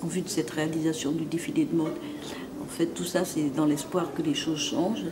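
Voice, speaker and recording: A woman's voice: deep voice, fairly even intonation, fairly quick. A woman, a fashion designer, speaking measuredly with frequent fillers in an interview. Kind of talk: interview testimony. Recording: noisy ambience behind.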